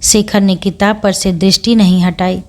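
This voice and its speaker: A woman storyteller reads a classic novel aloud in a steady, measured voice. Her pitch sits in an ordinary middle range. Her delivery is scripted audiobook narration.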